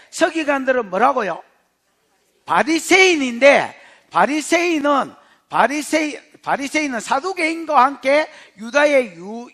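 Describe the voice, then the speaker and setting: A man's voice: very high voice, a bit bright. A man preaching an expository sermon as pastor, quizzing the congregation and acting out little dialogues. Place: church sanctuary.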